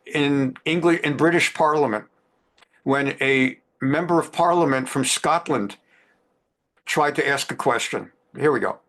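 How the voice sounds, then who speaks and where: Male religious teacher lecturing, emphatic and repetitive, slightly high voice. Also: a bit bright. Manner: emphatic, repeats phrases for stress. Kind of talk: lecture on current events.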